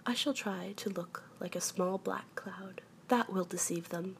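A woman voicing a small, earnest, self-important and rather anxious male toy bear in a children's storybook, speaking deliberately. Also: medium pitch, creaky, a little hiss or hum. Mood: earnest pondering.

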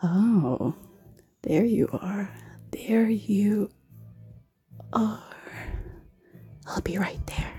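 A woman voicing a seductive, menacing female succubus in an erotic audio roleplay, in a slow, teasing, commanding whisper. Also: mid-range voice, no room sound, faint music behind, exaggerated voice. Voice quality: soft, breathy whisper.

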